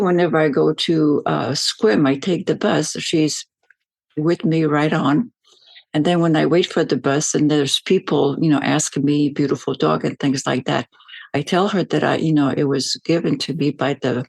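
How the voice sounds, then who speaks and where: An older woman from Belgium answers interview questions, drifting from detail to detail and leaning on fillers as she goes. Her voice has a gravelly edge. The recording is dry and close, with little room sound. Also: low voice, normal speed, no room sound. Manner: warm, rambling storytelling with fillers. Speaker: guest, veteran ambassador.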